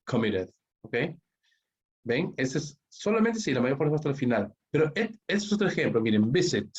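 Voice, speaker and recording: A male English teacher explaining grammar rules to students, checking in constantly and slowing down on the English examples. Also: mid-range voice, darkish tone, highs cut off. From Peru. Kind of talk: grammar lesson explained in Spanish.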